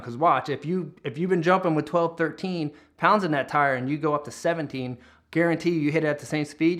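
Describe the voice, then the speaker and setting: A man hosting a casual tutorial, talking to viewers in a laid-back, informal way as a freestyle motocross rider. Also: a little high. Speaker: host, freestyle motocross rider giving tips.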